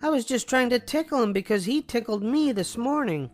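A man's voice: extremely high pitch, lively intonation, fairly quick, faint music behind, pitched above the performer's own voice. A man voicing a squabbling young girl bear cub in a storybook reading, whiny and protesting.

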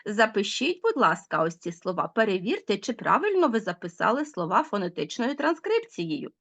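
A woman with a mid-range voice talks at normal speed with big swings in pitch. She teaches schoolchildren in a recorded online language lesson, explaining patiently and asking them questions.

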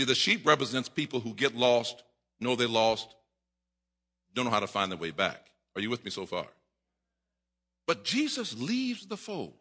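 Animated preacher in a reverberant church. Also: male voice, mid-range voice. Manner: dramatic preaching, acting out voices, stammering repeats, rising to shouts. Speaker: pastor. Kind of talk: preaching a sermon. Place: church sanctuary at a lectern. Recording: long reverb of a church hall.

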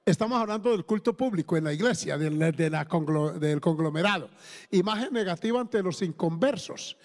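In a high-pitched voice with lively intonation and a moderate pace, a Colombian pastor delivers a sermon, frequently breaking for praise and call-and-response questions to his congregation. A long reverb tail follows his words.

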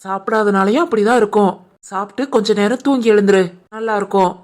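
A woman voicing a protective older mother-in-law in an animated family cartoon, firm and scolding, with a Tirunelveli Tamil accent. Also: medium pitch, fast talker, lightly acted. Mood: tender. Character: caring older mother-in-law, protective, stern with her daughter.

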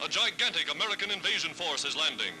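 A man's voice: fairly high pitch, lively intonation, fast talker, low-quality recording. A man narrating an old wartime newsreel in a dramatic, rousing delivery. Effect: old newsreel sound. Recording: old newsreel with music behind.

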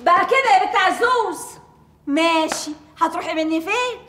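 A woman's voice: extremely high pitch, expressive, a little fast, noisy background. An actress playing a bossy, theatrical mother who tells spooky stories, in a comedy series with music under it. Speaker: mother telling scary stories.

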